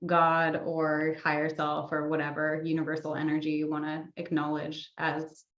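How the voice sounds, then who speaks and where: A woman guest on a podcast, explaining in a gentle, unhurried coaching tone. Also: sits low, completely flat delivery, reverberant, highs cut off. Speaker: guest, sex and somatics coach. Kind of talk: casual podcast interview.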